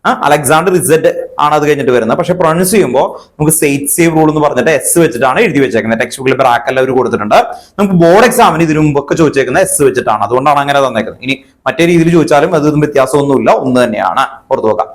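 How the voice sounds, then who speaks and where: A man teaching a chemistry lesson. He asks his students questions and then answers them himself, and he spells terms out slowly. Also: mid-range voice, animated. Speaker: chemistry tutor. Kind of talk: online exam-prep lesson.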